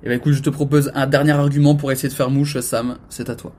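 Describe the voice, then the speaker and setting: A man with a mid-pitched voice hosts a casual podcast. He moderates the talk in a relaxed, teasing way. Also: fast talker. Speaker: podcast host.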